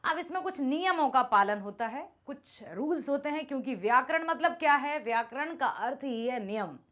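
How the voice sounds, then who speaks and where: A woman teaching grammar in a fairly high, lively voice that rises and falls a lot. She explains patiently and keeps checking that her students are following. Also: normal speed. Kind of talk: grammar lesson.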